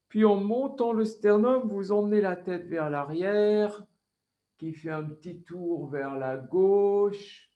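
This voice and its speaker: A man with a French accent guiding a yoga class over a video call, giving slow, calm breathing cues. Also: high voice, dull audio. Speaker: yoga teacher.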